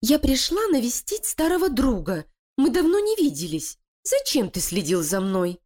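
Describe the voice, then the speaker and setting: A woman's voice: on the high side, big pitch swings, unhurried, a little mellow, voice pushed up. A woman voicing Lilia, a sly, scheming female animal who talks in a cold, threatening, commanding way.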